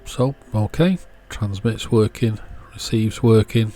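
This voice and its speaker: Working through a repair with faint music behind him, the electronics repair channel's host keeps up relaxed commentary and thinks aloud. His voice is mellow, slow, and on the low side.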